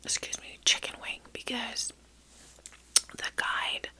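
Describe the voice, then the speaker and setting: Middle aged lady doing whispered asmr ramble, chewing gum, crisp sharp whisper, kinda hesitant and wandering. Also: takes it slowly. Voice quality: soft unvoiced whisper. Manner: chewing gum while talking; rambling, hesitant, trailing storytelling. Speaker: ASMR vlogger.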